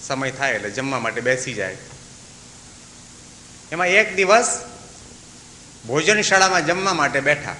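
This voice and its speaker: A man's voice: medium pitch, animated, unhurried, long pauses, bright, forceful tone. A man, a swami, giving a devotional sermon, telling a story and voicing its characters as he goes. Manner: acts out the dialogue of his story, breaks into sung verses. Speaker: swami giving a religious discourse. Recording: echoey hall with faint hiss.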